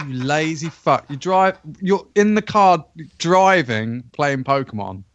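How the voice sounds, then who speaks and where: A man's voice: a little high, expressive, unhurried, no room sound, muffled recording. A man, co-hosting a casual podcast, teasing his friends bluntly and swearing freely. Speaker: podcast co-host. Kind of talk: casual banter.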